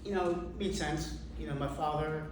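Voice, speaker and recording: A man from India telling a personal story on stage, halting and self-mocking, with many fillers. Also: on the high side, fairly even intonation. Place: theater stage. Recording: echoey hall recorded from far off, with noise.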